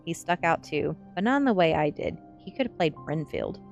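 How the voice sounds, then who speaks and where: A streamer reads a novel aloud like a storybook narrator, her deep, gravelly voice lively in intonation and moderate in pace. She sits close to the mic in ASMR read-aloud style, with lo-fi sound and faint music behind her.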